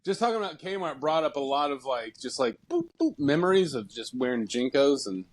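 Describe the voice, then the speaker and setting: A man in his thirties, from the Pacific Northwest, co-hosts a podcast in casual chat. He rambles, stacking "like" after "like" as he goes. His voice has a middling pitch. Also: animated, fairly quick. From Bend, Oregon, US. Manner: rambling, full of "like" fillers. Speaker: podcast co-host.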